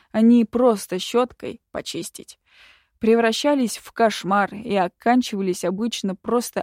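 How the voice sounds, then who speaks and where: A woman narrating a first-person fantasy audiobook in a calm, even storytelling manner. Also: medium pitch, dry recording, clean studio sound.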